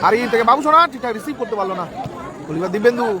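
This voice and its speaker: A man giving frantic live football commentary outdoors, excitable and repeating names and exclamations. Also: extremely high pitch, rapid-fire. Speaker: live football match commentator and stream host. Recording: noisy outdoor ground with loud crowd. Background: loud crowd and outdoor noise.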